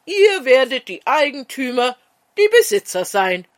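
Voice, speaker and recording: A woman's voice: high-pitched, sing-song, unhurried. A woman storyteller voicing a village mullah who coaxes and persuades. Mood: coaxing.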